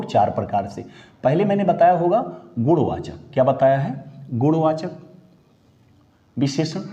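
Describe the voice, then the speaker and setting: A male teacher walks viewers through a grammar lesson, greeting them as friends and asking questions that he answers himself. His voice sits in an ordinary middle pitch with a mellow, dark tone. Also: highs cut off.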